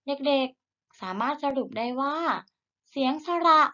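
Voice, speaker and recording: A woman teacher giving a recorded reading lesson to young children. She speaks slowly, models each sound clearly for the children to repeat, and encourages them gently. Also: high voice, lo-fi sound. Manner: slow, deliberate modelling of sounds for repetition. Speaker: primary school teacher.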